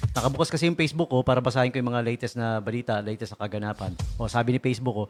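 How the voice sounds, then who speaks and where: A man's voice: mid-range voice, steady tone, very fast, over music. A man hosting a radio show in casual talk, joking, laughing often and firing rhetorical questions at his listeners from the station studio.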